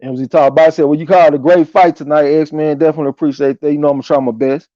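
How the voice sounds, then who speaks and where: Casual male boxing stream host: relaxed tone, slangy and profane, reads chat aloud, dull lo-fi sound. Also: a little high, fast talker, no room sound. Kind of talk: casual live chat commentary, reading viewer comments aloud. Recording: dull lo-fi audio.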